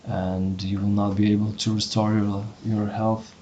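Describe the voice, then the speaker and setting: A man narrating a tabletop game as game master, speaking in a measured, warning tone with pauses. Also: fairly low pitch, little pitch movement, mellow, lo-fi sound, slight background noise.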